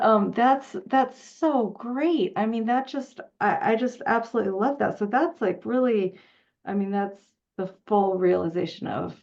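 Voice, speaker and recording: A woman with a medium-pitched, creaky, darkish voice interviews someone with effusive admiration. Her delivery is halting as she feels out each question, and the recording's high frequencies are cut off.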